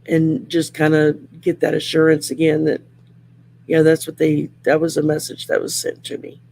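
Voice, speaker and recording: A middle-aged woman with a raspy, worn whiskey voice hosts a casual live chat in an unhurried, rambling, plain-spoken way. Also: deep voice, completely flat delivery, darkish tone, a little hiss or hum. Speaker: live show host.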